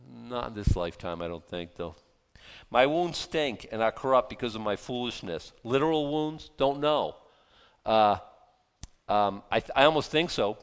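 In his fifties, a preacher rambles casually through a sermon, joking at his own expense and occasionally acting out angry outbursts. His mid-range voice has a clean tone, with a long hall reverb around it.

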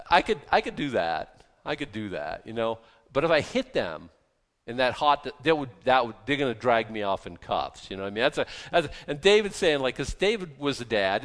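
A man's voice: fairly high pitch, bright, forceful tone. A man in his fifties giving a casual, rambling sermon, self-deprecating and joking, now and then acting out angry outbursts. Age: 50s. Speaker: preacher. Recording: long hall reverb.

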